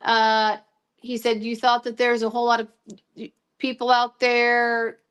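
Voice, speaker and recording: Recapping trial notes as co-host of a casual chat, this woman reads from her own notes and keeps stopping and restarting. She speaks in a fairly high, smooth voice that's a bit bright yet monotone.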